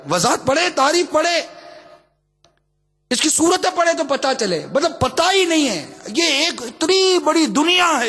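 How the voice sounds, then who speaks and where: A man's voice: very high-pitched, bright, forceful tone. A man preaching a sermon, emphatic and repetitive, firing rhetorical questions at his listeners. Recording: hall with long reverb.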